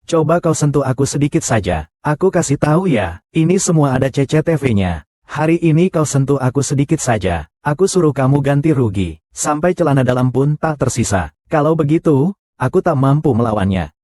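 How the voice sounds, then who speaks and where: A man's voice: medium pitch, big pitch swings, a little fast, mellow, no echo, studio quality, lightly acted. A man voicing the characters of a dubbed short drama, with a scornful, confrontational delivery.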